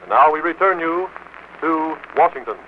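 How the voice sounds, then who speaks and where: Male American 1940s newsroom announcer, old newsreel style, slightly high and formal, on tinny vintage radio. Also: expressive, moderate pace. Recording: tinny, narrow-band 1940s radio, faint noise.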